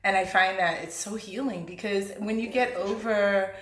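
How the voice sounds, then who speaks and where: A woman's voice: mid-range voice, steady tone, normal speed, a bit bright, roomy sound, slight background noise. A woman hosting a podcast, chatty and laughing as she asks questions. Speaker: podcast host.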